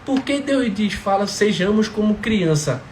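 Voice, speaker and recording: Speaking a little slowly in a high voice, a father describes his family with animated emphasis in a casual testimony. "Entendeu?" punctuates his speech as he checks for understanding. The space sounds echoey, with faint noise behind him.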